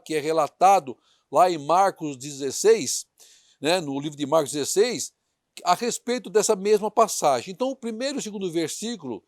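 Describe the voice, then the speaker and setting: Earnest high-voiced male preacher. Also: no echo, clean studio sound. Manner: earnest, addresses listeners directly with questions. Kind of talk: sermon with scripture reading.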